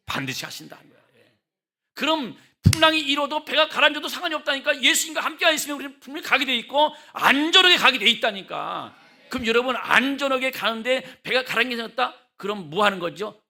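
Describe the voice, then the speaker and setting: A man's voice: very high voice, vocal fry, bright, forceful tone. A male pastor preaching a revival sermon in a church, emphatic and full of rhetorical questions to the congregation.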